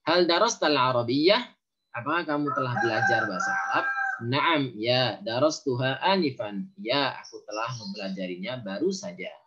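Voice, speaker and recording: A male teacher giving a recorded grammar lesson. He reads Arabic phrases aloud, explains each one, and often fills pauses with "ya" and "eh". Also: mid-range voice, animated, very noisy. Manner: frequent "ya" and "eh" fillers. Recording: dull, lo-fi recording.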